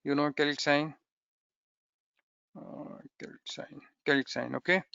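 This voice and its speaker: A man walks through a coding tutorial step by step, pausing to check in with his listeners. His voice is bright and crisp and a little higher than most men's. The recording is dry and slightly dull. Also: fairly even intonation, dry recording. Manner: explains step by step, often checking with "okay?". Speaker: programming instructor.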